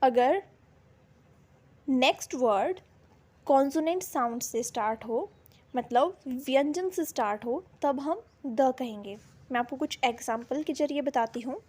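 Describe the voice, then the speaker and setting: A woman teaches English grammar at a slow, careful pace. Her voice sits high and light. She says each example word twice, deliberately. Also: a little mellow, breathy edge. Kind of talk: explaining a lesson in Hindi.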